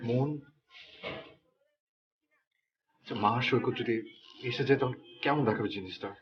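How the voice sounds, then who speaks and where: An actor playing a fussy, germ-fearing young husband in a TV drama, panicky and pleading. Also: male voice, medium pitch, fairly quick, lo-fi sound, natural voice. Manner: panicky, then softly pleading. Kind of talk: TV drama acting.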